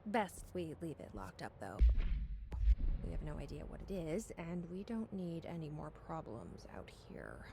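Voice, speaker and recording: A woman's voice: deep voice, wildly swooping pitch, normal speed, creaky, noisy background, exaggerated voice. An actress playing a guarded female agent in a video game, talking in a dry, wary, understated way. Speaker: game protagonist.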